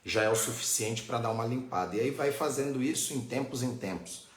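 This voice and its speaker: This Brazilian religious teacher, streaming a live online class, speaks at a medium pitch and a little fast, with slight background noise. His informal, didactic style is full of tags checking that his audience follows along. The room sounds echoey and spacious.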